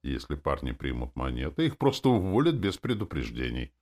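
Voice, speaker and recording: A man reading an audiobook, voicing a calm, gruff male orc with a slow, low, rumbling delivery. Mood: explaining. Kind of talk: audiobook character voice.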